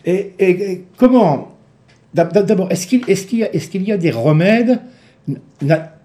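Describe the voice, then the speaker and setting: A man's voice: high-pitched, animated, unhurried, mellow. A male radio host chatting with a doctor, stammering and restarting, bursting into emphatic questions. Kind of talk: radio call-in chat with a doctor.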